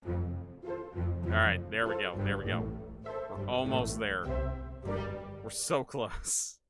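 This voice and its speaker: A man livestreaming a video game, chatting casually and excitably with viewers in an animated, exclaiming way. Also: lowish voice, takes it slowly, over music. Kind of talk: casual livestream gaming chat and commentary.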